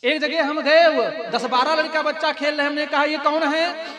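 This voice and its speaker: Male storyteller-preacher, very high voice, animated, music bed behind. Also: moderate pace. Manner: animated storytelling, addressing the audience. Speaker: religious storyteller. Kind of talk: devotional katha sermon.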